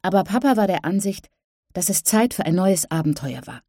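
Low mellow woman narrating a story. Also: expressive, brisk, no room sound, studio quality. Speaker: audiobook narrator. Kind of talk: scripted narration.

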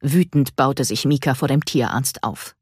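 A woman narrating a children's story with an even, clear reading voice. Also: a bass voice, a little slow, no echo, clean studio sound. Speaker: audiobook narrator.

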